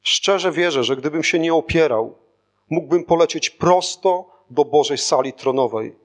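A man reading a first-person spiritual testimony aloud as scripted narration, in an earnest, steady manner. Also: fairly high pitch, unhurried. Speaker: audiobook narrator.

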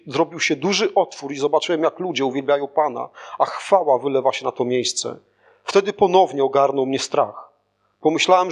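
A man narrates a first-person spiritual testimony in an earnest, steady reading. His voice sits a little higher than most men's, and the telling is scripted rather than spoken off the cuff. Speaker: audiobook narrator.

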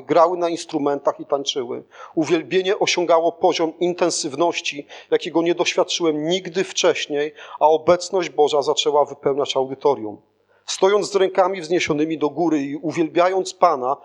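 An audiobook narrator reads a first-person spiritual testimony, earnest and steady. His voice is a little higher than most men's, and the delivery is clearly scripted rather than improvised.

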